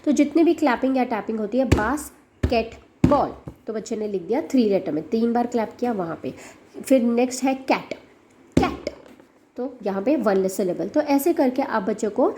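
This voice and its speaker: A woman's voice: a little high, lively intonation, a little fast, noisy background. A woman explaining worksheets to parents in a hesitant, filler-heavy way, mixing English into her speech. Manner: hesitant, many fillers, mixes English into Hindi. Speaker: special education channel host.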